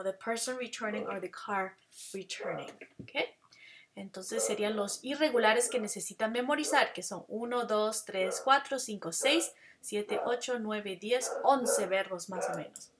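With a crowd audible in the background, a woman at medium pitch gives a grammar lesson. Her delivery is slow and careful, drawing out example words while she alternates between Spanish and English in her explanations.

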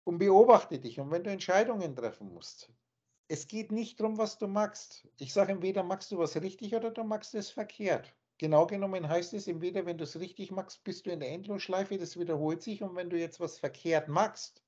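A man's voice: high voice, brisk, darkish tone. A man teaching in an emphatic, scornful lecturing manner, speaking over a video call. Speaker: spiritual teacher. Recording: dull lo-fi online call audio.

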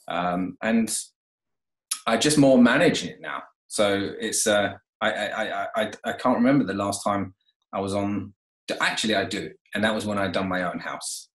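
A man in his thirties with a low, reverberant voice is a guest on a casual interview, talking about his renovation company. He joins by video call from a room in his home and speaks with lots of fillers and restarts.

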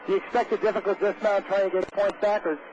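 Boston-accented male play-by-play guy, very high voice, upbeat, muffled noisy radio feed. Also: level tone, fast. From Boston area. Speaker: play-by-play announcer. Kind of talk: live radio sports commentary. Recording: dull noisy radio broadcast.

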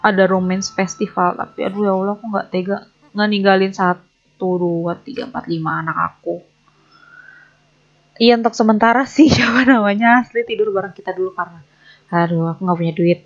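A young woman gives casual running commentary on her game, chatty and often flustered as she talks to the characters. Her voice sits in a middle pitch. The home mic sounds a little dull and lo-fi. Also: steady tone, normal speed. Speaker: gaming YouTuber.

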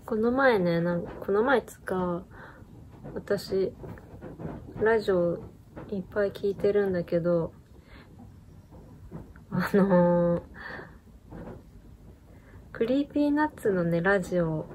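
A woman's voice: medium pitch, slow, pauses often, a little mellow. Casual knitting-channel host, a woman, rambling chat with a faint background hiss. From Japan. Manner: rambling, chatty, frequent fillers and little laughs.

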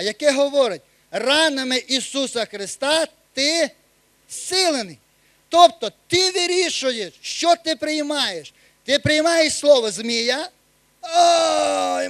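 A man preaching a sermon as pastor, emphatic and at times near shouting. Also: very high-pitched, no echo.

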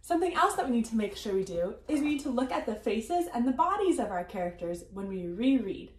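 A woman teaching first graders in a recorded reading lesson, speaking clearly and encouragingly. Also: on the high side, big pitch swings, a little fast, a little mellow, echoey room.

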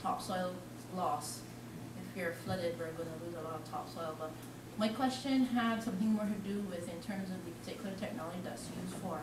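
A woman's voice: on the low side, a little fast, few pauses. A woman from Barbados with a Barbadian accent, asking a detailed question from the audience. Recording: echoey room, distant from mic, noisy.

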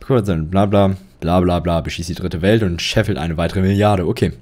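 A man's voice: deep voice, fairly even intonation, moderate pace, darkish tone. A young man commentating a horror game, jittery and rambling, joking and yelping when startled. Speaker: let's play commentator.

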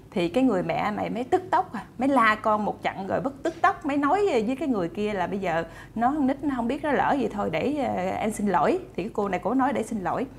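A woman's voice: medium pitch, vocal fry, a little hiss or hum. A woman retelling a story to her viewers in a chatty, casual way, full of fillers and repeated words. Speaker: storyteller host.

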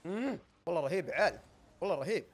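A young man giving loud, excitable gameplay commentary, often shouting and laughing at his own plays. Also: a little high, racing, breathy edge. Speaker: gaming YouTuber.

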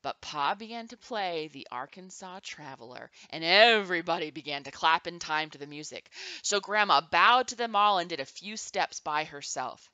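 A woman reading a children's chapter book aloud to her nieces and nephews, expressive and animated. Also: lowish voice, moderate pace, few pauses, no echo, highs cut off. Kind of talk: storybook read-aloud.

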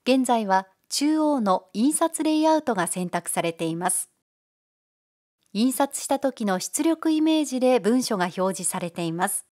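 A woman giving calm, polite, step-by-step narration for a software tutorial. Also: on the high side, measured pace. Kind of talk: scripted screencast narration.

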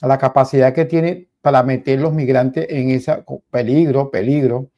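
A man in his forties with a Venezuelan accent, giving casual news commentary from a small home studio on a headset mic, animated and repeating himself often. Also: medium pitch, normal speed, lo-fi sound. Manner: animated, repetitive, addresses viewers as "señores".

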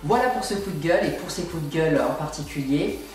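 The speaker is a young adult man, a vlogger in a small home room, talking fast in a slightly high voice over soft background music. His opinion rant to camera is emphatic and exasperated, full of complaints. A camera mic at short range makes the audio sound distant and very echoey.

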